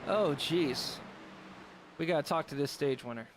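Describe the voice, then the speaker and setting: Young guy calling a sim race, high voice, gets hyped and laughs a lot. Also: measured pace, noisy background. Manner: excitable, laughs, shouts during battles. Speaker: race commentator. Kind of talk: sim racing broadcast commentary.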